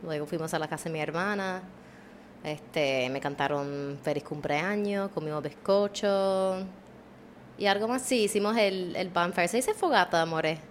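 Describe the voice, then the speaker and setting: A woman's voice: on the low side, normal speed, a little hiss or hum. A woman from Maryland hosting a podcast, chatting casually in a bilingual mix with English words dropped into her Spanish. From Maryland, USA. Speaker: podcast host.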